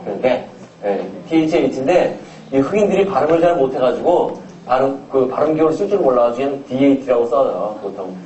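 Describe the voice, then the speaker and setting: A man's voice: medium pitch, warm tone, slight background noise. A man conducting a choir rehearsal, explaining casually and counting the singers in. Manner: explains casually, counts in and sings demonstration phrases. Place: rehearsal room. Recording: echoey room from far off, dull sound.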